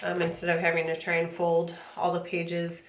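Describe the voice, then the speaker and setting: The host of an unboxing channel, an American woman, talks casually through a product review with a wheezy, stuffed-up, breathless voice. It sits lowish and stays monotone at a moderate pace. There's a roomy echo and clear background noise.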